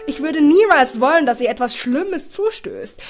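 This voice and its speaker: A woman doing a calm old grandpa. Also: high-pitched, music in the background. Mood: earnest, resigned. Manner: slow and deliberate, measured. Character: calm older male grandfather, gently firm. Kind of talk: audiobook character voice.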